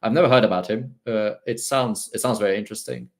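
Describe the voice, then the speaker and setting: A young Swedish man speaks English with a light British lean over his Swedish accent, in a slightly low voice. He answers viewer questions on a casual livestream, pausing often with ums and uhs and restarting his sentences. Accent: Swedish-tinged British English. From Sweden. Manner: hesitant, many fillers and restarts.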